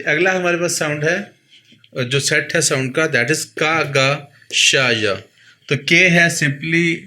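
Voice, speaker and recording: Bright-voiced man teaching sounds. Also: a little high. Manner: patient, repeats each sound slowly for the learner. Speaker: pronunciation teacher. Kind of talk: explaining a lesson.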